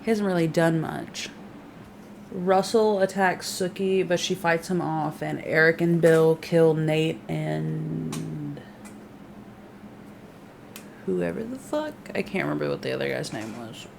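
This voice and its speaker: A young woman with a slightly low voice breezes through a TV season recap, dropping swear words and sarcastic asides. She slips into quick imitations of the characters, with a faint hiss of ambience behind her. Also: vocal fry, a little mellow. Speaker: recap vlogger. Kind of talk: casual, profane TV recap.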